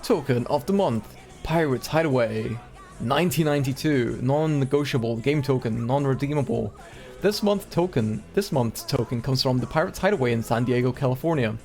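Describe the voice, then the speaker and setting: A man's voice: medium pitch, lively intonation, moderate pace, a little mellow, faint music behind. A man from Singapore streaming live, reading old magazine letters aloud with casual, chatty asides between them.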